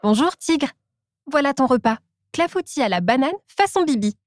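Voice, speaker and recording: A woman voicing a polite, eager monkey in a children's storybook reading, speaking gently and softly. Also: high voice, expressive, normal speed, a little hiss or hum, voice pushed up. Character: polite eager monkey, small forest animal.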